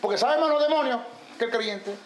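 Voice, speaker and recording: A man's voice: extremely high pitch, a little fast, crowd noise. A man teaching theology as a Bible teacher, firing rhetorical questions and listing terms emphatically. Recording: echoey room, faint background noise.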